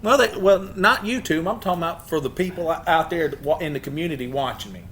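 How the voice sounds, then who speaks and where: A man lectures a study group in a fairly high, emphatic voice. He keeps firing rhetorical questions at his listeners and often stumbles and restarts mid-phrase. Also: lively intonation, fast, fairly bright tone. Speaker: YouTube channel host leading a study group. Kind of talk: lecture-style talk to a group.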